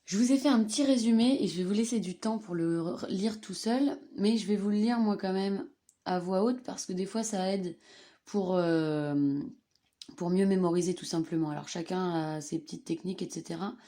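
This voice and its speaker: A woman's voice: on the low side, normal speed, mellow. A woman teaching a slide-based grammar lesson, patiently repeating and stressing each conjugated form. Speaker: Spanish teacher.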